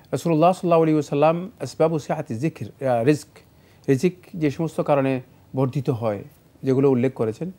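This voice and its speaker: Mellow-voiced man explaining religious questions. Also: medium pitch. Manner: measured, explanatory, many fillers. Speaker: Islamic scholar answering questions. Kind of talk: studio Q&A explanation.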